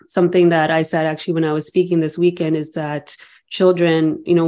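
Low, even-toned woman hosting. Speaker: podcast host. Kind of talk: casual interview.

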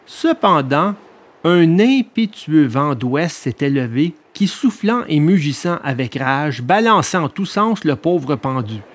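A storyteller reading a children's tale aloud with expressive, deliberate delivery. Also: mid-range voice. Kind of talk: storybook narration.

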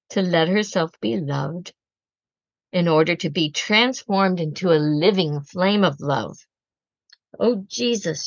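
A woman gives a slow, reflective spiritual talk as a Secular Carmelite speaker, deliberately quoting prayers and reflecting on them. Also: sits low, gravelly, no room sound, highs cut off.

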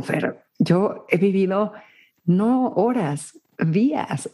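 Musing woman with a dark husky voice. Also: on the low side. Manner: musing, often ending phrases with a questioning "¿no?". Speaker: podcast co-host. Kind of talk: reflective casual conversation.

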